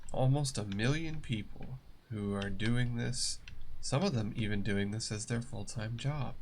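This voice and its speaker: A man's voice: mid-range voice, slight background noise. A young man streaming a game, chatting casually and telling anecdotes with laughs and acted-out quotes. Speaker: gaming streamer. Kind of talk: casual storytelling over gameplay.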